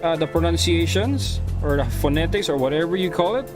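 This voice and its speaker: A man from the Philippines doing live play-by-play for an online rally race, excitable and crying out at big moments. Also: a little high, a little fast, music in the background. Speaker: rally stream commentator. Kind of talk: live esports play-by-play commentary.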